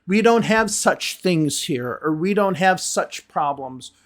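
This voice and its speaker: Emphatic higher-voiced American man teaching. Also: expressive, slow pace. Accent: Chicago American English. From United States (Chicago). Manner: emphatic, repeats words for stress, asks "okay?" and "right?". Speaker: English teacher. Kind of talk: online English lesson.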